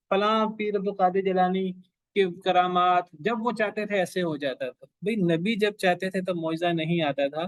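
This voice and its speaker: A man lecturing a class on scripture, his voice pitched a little high for a man. He drives each point home with repeated rhetorical questions. The sound is dry and close. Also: no room sound. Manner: emphatic, asks rhetorical questions and repeats phrases. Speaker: Quran teacher.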